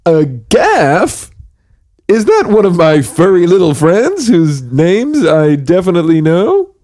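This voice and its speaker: Man playing a friendly kids' TV bear, raised sing-song voice, slow and soothing, lively pitch. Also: no room sound, studio quality, heavily acted. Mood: cheery. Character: big friendly cartoon bear, gentle kids' TV host.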